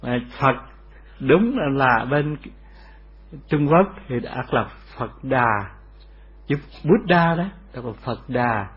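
A man giving a Buddhist dharma talk, explaining slowly and asking rhetorical questions. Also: medium pitch, animated, a little hiss or hum. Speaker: Buddhist teacher. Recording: dull lo-fi recording.

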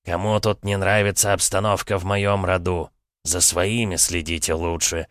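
A man's voice: deep voice, level tone, normal speed, fairly bright tone, no room sound, clean studio sound. A man voicing an arrogant male falcon god who speaks down to others, in an audiobook. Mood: haughty. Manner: haughty, condescending.

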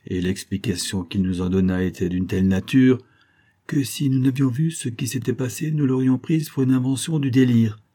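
A man narrating a novel as an audiobook, in measured, dramatic storytelling. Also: mid-range voice, mellow.

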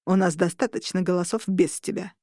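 A scheming male vampire lord pushes his case hard and shouts back when crossed, as a woman reading a story voices him. The recording is dry and close. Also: lowish voice, fairly even intonation, a little fast, gravelly, no echo. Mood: insistent. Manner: insistent, shouting.

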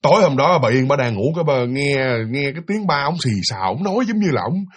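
Fast-talking husky storyteller man. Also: a little high. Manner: animated, chatty, addresses listeners directly. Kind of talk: spoken ghost story narration.

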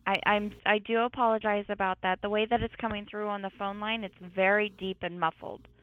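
A woman's voice: medium pitch, level tone, brisk. A woman working as a receptionist who answers a business phone call, polite, patient and apologetic. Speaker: customer service receptionist. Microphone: phone line.

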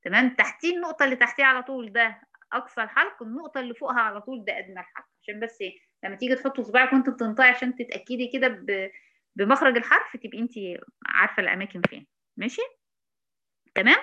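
A woman with an Egyptian accent teaching a recitation lesson, patiently demonstrating sounds slowly and checking in with her students. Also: on the high side, bright, forceful tone, lo-fi sound. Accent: Egyptian Arabic. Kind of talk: online tajweed lesson.

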